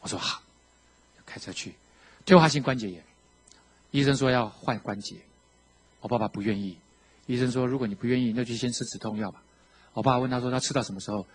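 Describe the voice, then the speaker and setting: A man with a Taiwanese Mandarin accent tells his own story from the pulpit in a husky voice at a middling pitch. He acts out each quote as he goes, dropping to a hush and then rising to a loud pitch. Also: fast talker, long pauses. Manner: animated storytelling, acting out quotes, swinging from hushed to loud. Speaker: preacher sharing his testimony. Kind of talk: sermon testimony.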